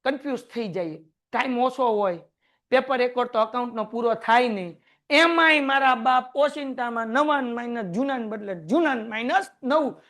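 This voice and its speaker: A man teaching a class, lively and joking as he quizzes his students. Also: extremely high pitch, normal speed. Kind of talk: classroom lecture.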